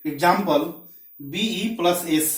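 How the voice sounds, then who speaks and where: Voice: mid-range voice, slow pace. A teacher giving a phonics lesson, explaining step by step and spelling words out letter by letter. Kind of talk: classroom-style phonics lesson. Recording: echoey room, mic at a distance.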